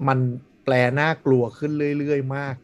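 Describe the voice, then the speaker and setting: A man chatting casually on a podcast, blunt and animated, swearing freely. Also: mid-range voice, normal speed. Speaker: podcast host. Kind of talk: casual chat.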